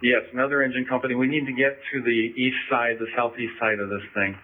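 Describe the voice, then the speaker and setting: A man's voice: medium pitch, little pitch movement, fast talker. A man speaking as a fire division officer, giving urgent, direct commands over a two-way radio. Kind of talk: urgent firefighter radio traffic. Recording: tinny, narrow-band radio scanner feed.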